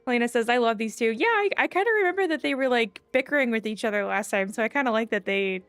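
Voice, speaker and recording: A woman streams a game and chats casually, rambling a bit while reading and answering viewer comments. Her voice is a little high and a bit bright, she talks fast, and the dry recording has faint game music behind it.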